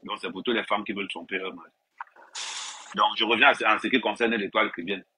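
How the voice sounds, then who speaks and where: A man's voice: lowish voice, fairly even intonation, fast talker, pushed and bright, a little hiss or hum, poor audio. Emphatic man ranting on a live stream. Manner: emphatic, repeats phrases, addresses viewers directly. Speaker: social media personality on a live stream. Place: indoors, filming himself with a tablet on a tripod.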